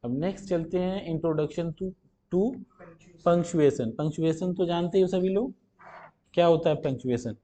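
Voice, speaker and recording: A male teacher going through multiple-choice questions, reading the English slowly and explaining it in Hindi with rhetorical questions. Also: a little high, warm tone. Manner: asks rhetorical questions and answers them. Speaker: ITI teacher.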